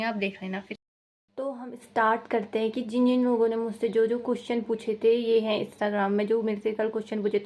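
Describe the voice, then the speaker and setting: A young woman from Uttarakhand chatting casually in a vlog, reading out viewer questions and answering them in a rambling, repetitive way. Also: on the high side. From Uttarakhand, India. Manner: chatty and rambling, repeats herself, laughs at the questions. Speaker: vlogger.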